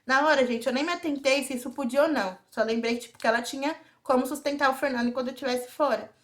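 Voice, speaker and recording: A woman's voice: high voice, fast talker. A young woman with a Brazilian Portuguese accent tells her viewers a personal story in a confiding vlog, often turning to address them directly. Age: young adult. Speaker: vlogger.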